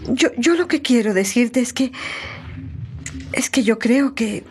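A woman's voice: a little high, expressive, slow, a little mellow, slight background noise. A tender, hesitant mother. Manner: tender, hesitant, repeating words. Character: tender, emotional young mother. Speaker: mother character. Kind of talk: radio drama acting.

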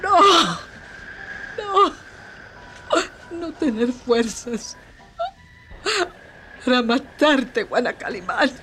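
A woman's voice: high-pitched, sing-song, very slow, long pauses, pushed and bright, slight background noise, exaggerated voice, rough recording. An actress playing a fierce, lovelorn savage witch in a radio adventure serial, dramatic and speaking in broken pidgin with infinitive verbs. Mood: anguished.

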